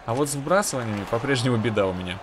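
A man's voice: medium pitch, animated, very fast, noisy background. A man giving casual, conversational commentary on his own hockey video game, with analytical asides to viewers.

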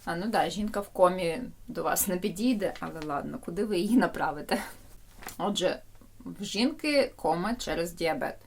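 Woman teacher, animated pitch, explains English medical words, stresses syllables. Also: normal speed, gravelly, slightly rough. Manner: explains each English word in Ukrainian, stressing pronunciation; lively, sing-song intonation on the English terms. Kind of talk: recorded lecture.

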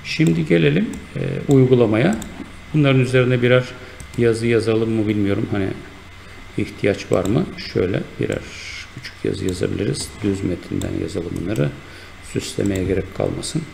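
A man teaching a software tutorial, talking in an unhurried, explanatory way with many fillers and self-corrections while he works at a computer. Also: lowish voice, creaky, slight background noise. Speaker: instructor. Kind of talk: screen-recorded software tutorial.

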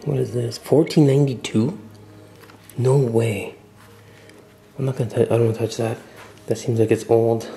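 A man giving a casual, excited walk-through vlog of an old mansion, chatty and often dropping to a murmur. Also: mid-range voice, moderate pace, vocal fry, long pauses, a little hiss or hum. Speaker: vlogger touring a historic mansion. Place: indoors, large old house.

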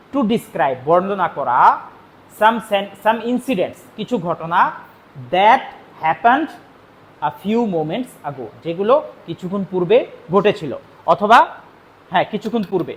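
Man, high-pitched teacher voice, slow, repetitive classroom explaining, mixes Bengali and English. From Bangladesh. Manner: explains slowly, repeats each phrase, switches between Bengali and English. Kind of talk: classroom grammar lesson.

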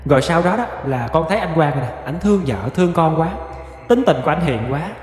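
A man voicing the stubborn, lovesick ghost of a pregnant woman in a spoken ghost story, talking slowly and pleadingly. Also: a little high, expressive, roomy sound, long reverb tail, natural voice.

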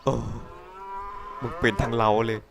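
Over crowd noise, a man improvises comedic dubbing for a cartoon, his voice level and measured in pace. He's exclamatory and theatrical, using crude, slangy language and frequently leaping into shrieks and falsetto.

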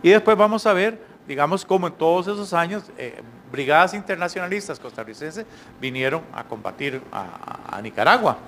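Middle-aged male panelist, measured and hesitant, handheld mic, faint room hum. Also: a little high, expressive, fairly bright tone. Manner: measured, frequent hesitations, rhetorical tag questions. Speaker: panel speaker. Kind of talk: academic panel talk. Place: conference hall, indoors.

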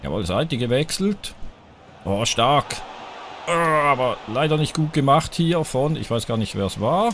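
A man commenting his football video game as he plays, his pitch leaping up and dropping down as the play swings back and forth. He reacts loudly to near misses and speaks straight to his viewers. A faint hiss sits under the voice. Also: measured pace. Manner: excitable, groans and cheers at each chance, talks to viewers. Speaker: gaming YouTuber playing a football video game. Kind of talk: live let's-play commentary.

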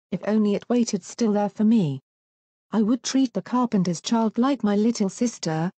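A woman's voice: medium pitch, dark tone, no room sound, lightly acted. A woman voicing a proud young warrior king from a storybook, who laments and gives stern instructions. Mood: lamenting. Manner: lamenting, then commanding. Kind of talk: storybook reading.

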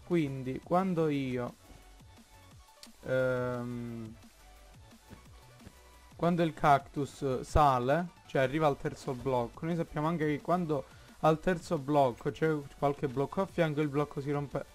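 An Italian man talks his way slowly through a building session in a block game, pausing and filling gaps as he thinks aloud. His voice sits a little high for a man, and faint music plays under him. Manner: slow, halting, thinks aloud with many fillers. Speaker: gaming YouTuber. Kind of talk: Minecraft let's play commentary.

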